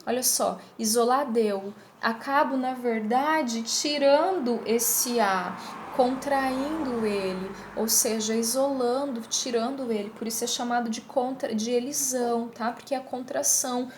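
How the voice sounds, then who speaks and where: A woman teacher, explaining step by step, checking in with her students and slowing down to read examples aloud. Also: on the high side. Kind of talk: recorded online class. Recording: echoey room with faint hiss.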